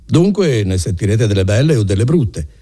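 A man's voice: lowish voice, very animated, normal speed, mellow. A man voicing a cheerful, worldly merchant who greets old acquaintances heartily, in an audiobook reading. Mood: hearty.

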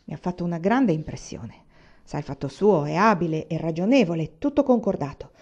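A woman's voice: lowish voice, expressive, fairly quick, a little mellow, dull audio. A woman voicing a stern wealthy father, a banker who speaks in clipped, curt sentences.

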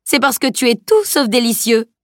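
A woman's voice: fairly high pitch, sing-song, normal speed, no echo, clean studio sound, pitched above the performer's own voice. A woman reading the part of a cheeky teenage boy who protests and teases, in a raised, strained voice. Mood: teasing. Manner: protesting, teasing.

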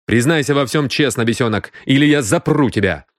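A man's voice: medium pitch, a little fast, dry recording, pitched above the performer's own voice, lightly acted. A man voicing a stern middle-aged detective who speaks in a dry, curt way.

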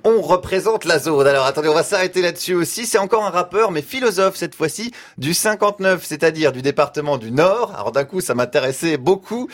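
A man's voice: fairly high pitch, expressive, fast, hardly any pauses, fairly bright tone. A man giving a comic radio commentary, teasing and ironic in a mock-serious tone. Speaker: radio columnist doing street interviews. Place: radio studio.

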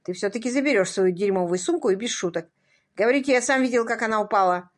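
A woman's voice: medium pitch, quick pace, close to an everyday voice. A woman voicing an indignant, quarrelsome male motorcyclist in a read-aloud story. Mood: angry.

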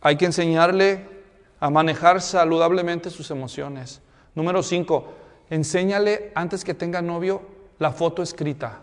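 A high-pitched man preaches at a church conference, chatty and quick with rhetorical questions. His voice rings through a big auditorium with a long reverb tail. He sounds like a pastor talking straight to the parents in the room. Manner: conversational, full of rhetorical questions and humorous anecdotes. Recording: long reverb of a large hall.

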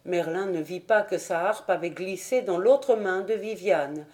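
A woman reading a legend aloud as an audiobook narrator, in a measured, expressive way. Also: lowish voice. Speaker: audiobook reader.

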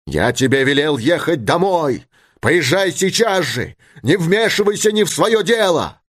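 Stern commanding father, read by a male narrator; raised, forceful pitch. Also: wildly swooping pitch, moderate pace, husky, exaggerated voice. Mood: scolding. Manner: commanding, scolding.

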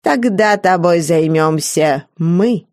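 A woman voicing a cocky young knight's ghost, his words drawn out slow and teasing. There is a cold threat under the mockery. It is a dry, close audiobook read. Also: fairly low pitch, darkish tone, no room sound. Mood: mocking.

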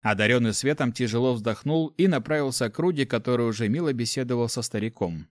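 A man narrating an audiobook in a lively, expressive way. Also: medium pitch, quick pace, dry recording, studio quality. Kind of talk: scripted narration.

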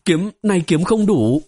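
A man's voice: high-pitched, warm tone, husky, pitched above the performer's own voice, full character voice. A man voicing a timid, tearful young female disciple who speaks meekly in a small trembling voice, in a storybook reading.

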